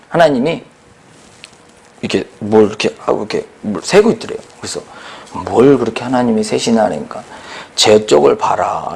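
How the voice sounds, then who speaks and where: A man, a pastor, preaching a lively sermon that jumps from shouts to near whispers and acts out the voices of the people in his story. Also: mid-range voice, vocal fry, slight background noise. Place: prayer retreat hall.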